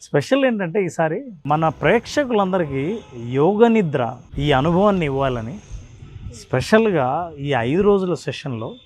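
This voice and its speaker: ఒక పురుషుడు ధ్యాన గురువుగా, ఆరుబయట ప్రకృతిలో ఇంటర్వ్యూలో ఒక్కొక్క అంశాన్ని శ్రద్ధగా వివరిస్తున్నాడు. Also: male voice, on the high side, expressive, measured pace, long pauses, faint music behind. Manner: earnest, lists points one by one. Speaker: meditation mentor. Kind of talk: explanatory interview talk. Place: outdoors in nature.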